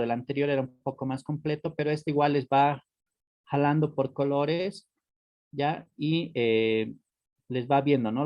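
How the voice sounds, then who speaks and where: Mellow-voiced man teaching an online class. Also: mid-range voice, no room sound. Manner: checks in with tag questions after nearly every phrase; patient, explanatory, repeats words as he goes.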